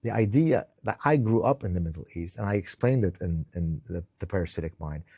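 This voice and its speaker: A middle-aged Lebanese man, an author and interview guest, answers emphatically in a low, dark voice with a breathy edge. He is expressive and brisk, often repeats words as he begins, and ends points with "right?" The indoor studio sound is clean with no room echo.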